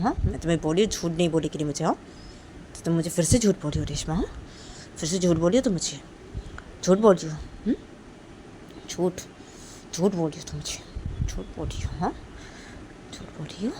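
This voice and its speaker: A woman voicing an angry, stubborn young woman in a spoken love story, loudly scolding and repeating her accusations. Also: low-pitched, slight background noise, lightly acted. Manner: loud scolding, repetitive accusing. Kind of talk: storytelling role-play.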